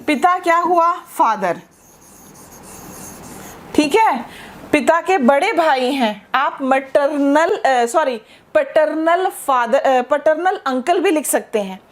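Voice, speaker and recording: Woman, English teacher, high-pitched, slow spelled-out examples, brisk explanations, frequent check-ins. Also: animated. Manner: slow, spelled-out model phrases between quick explanations; checks in with the class often. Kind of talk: spoken English lesson.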